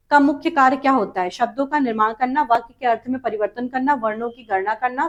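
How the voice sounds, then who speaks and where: A woman teaching a spoken exam practice lesson, reading out questions and options and then explaining each answer. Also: high-pitched. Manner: drawn-out sounding-out of vowels and terms.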